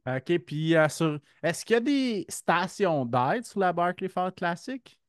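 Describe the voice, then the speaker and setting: A man's voice: high-pitched, animated, unhurried, smooth, no echo, clean studio sound. A man with a Québécois French accent hosting a podcast, asking easygoing questions with hesitations. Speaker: podcast host. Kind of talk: casual interview questions.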